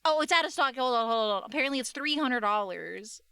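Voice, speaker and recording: Bright-voiced cute anime streamer woman. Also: fairly high pitch, a little fast, clear, resonant tone, no echo, studio quality. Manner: expressive, slangy exclamations. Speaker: VTuber artist and livestreamer. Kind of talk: casual livestream chat.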